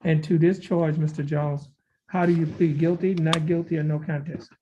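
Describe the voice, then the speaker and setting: A male judge speaks in a courtroom recording, moving through a plea hearing in a measured, formal, almost monotone delivery. His voice is mellow and slightly higher than most men's. The audio comes through dull and lo-fi over a video call, with a faint hiss underneath. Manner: measured, formal, reading documents aloud. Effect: courtroom recording heard over a video call.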